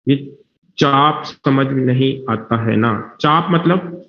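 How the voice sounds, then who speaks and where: In a dull, echoey classroom recording, a biology teacher with a medium-pitched voice lectures slowly. He reassures his students, repeats points, and checks whether they're following along.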